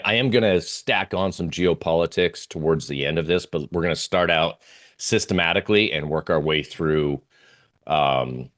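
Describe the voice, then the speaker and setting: An oil trader appearing as an interview guest presents casually and hesitantly, thinking aloud as he walks through charts. His voice sits low with a fairly bright tone.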